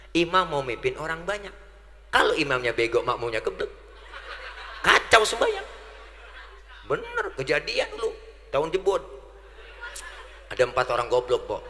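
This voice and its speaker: Bright-voiced joking preacher. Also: male voice, medium pitch. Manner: joking, playful, puts on regional voices for laughs. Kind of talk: comic sermon to a congregation. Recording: long hall reverb, faint background noise.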